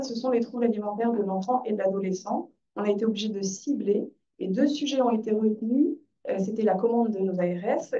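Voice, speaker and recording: A woman's voice: a little high, mellow. A woman moderating a conference session, introducing the topic and speakers. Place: conference room. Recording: distant, dull conference microphone.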